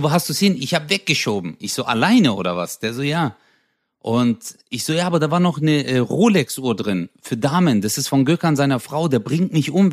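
A man in casual chat, telling an animated story with lots of slang and acted-out dialogue. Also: mid-range voice, dry recording, studio quality.

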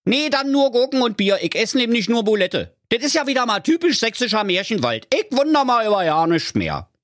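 A man voicing a cheeky, lazy male bear with a Berlin accent, talking high and brash. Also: sing-song, brisk, a bit bright, no echo, studio quality, heavily acted. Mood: sulky. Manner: high-pitched, brash, colloquial.

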